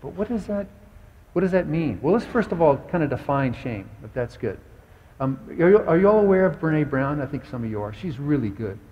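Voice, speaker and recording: Pastor preaching in a reverberant church. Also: male voice, on the high side, sing-song, brisk, highs cut off. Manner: conversational and anecdotal, asks the congregation questions. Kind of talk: sermon. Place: church sanctuary.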